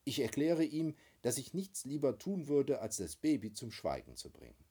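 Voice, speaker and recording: A man reading first-person literary narration aloud as an audiobook narrator, with expressive, wry storytelling. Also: mid-range voice, moderate pace, slightly rough.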